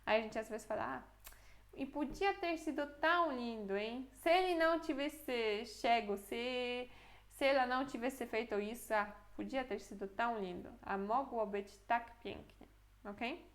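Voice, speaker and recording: A woman's voice: a little high, a little slow. A young adult woman teaching a casual online language lesson, explaining step by step and checking in with the viewer often.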